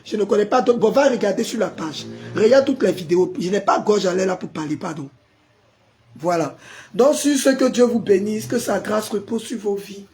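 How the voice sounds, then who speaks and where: A pastor hosting a live stream, hoarse from a sore throat and forcing his voice out as he chats with viewers and answers their comments. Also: high-pitched, expressive, normal speed, a little mellow, slight background noise. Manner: chatty, greets viewers by name and answers comments.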